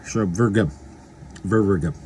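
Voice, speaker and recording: A man's voice: low-pitched, fairly quick, darkish tone, slight background noise. A man, chatting casually as a local video host, rambling and folksy with lots of repeated phrases. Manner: eating while talking. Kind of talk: casual chat to camera.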